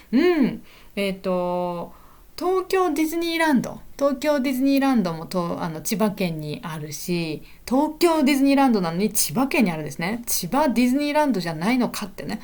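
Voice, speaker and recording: A woman teaching in a casual podcast lesson, chatty, filling pauses with little affirmations and hesitations. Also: mid-range voice. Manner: chatty, fills pauses with "hai" and "ano"; lively, rising and falling often. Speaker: Japanese teacher.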